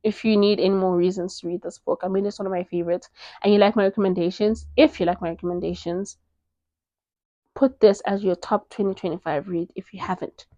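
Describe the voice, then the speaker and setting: A woman's voice: mid-range voice, a little fast, no echo, lo-fi sound. Gushing woman reviewing romance books. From South Africa. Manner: gushing, animated, lots of fillers. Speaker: book reviewer. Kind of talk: casual book recommendation vlog.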